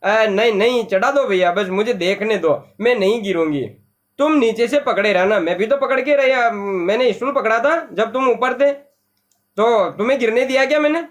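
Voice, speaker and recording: A man's voice: sits high, moderate pace, close to an everyday voice. A man voicing a little girl who begs her older brother in a whiny, pleading tone. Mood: insistent.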